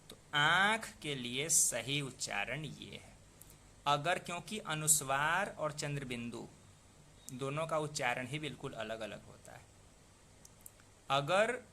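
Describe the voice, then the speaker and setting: A man's voice: fairly high pitch, pushed and bright. A man teaching a spoken lesson on pronunciation and spelling, patiently explaining, repeating words aloud and asking the listener questions. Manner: asks the listener rhetorical questions. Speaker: Hindi language teacher.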